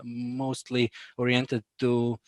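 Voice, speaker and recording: A man in his thirties with a Croatian accent talks haltingly over a video call, full of fillers and restarts. His voice stays flat in pitch, and the recording is dry and close. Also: no echo. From Bosnia. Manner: laughs often. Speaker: guest, BIM manager. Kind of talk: casual interview.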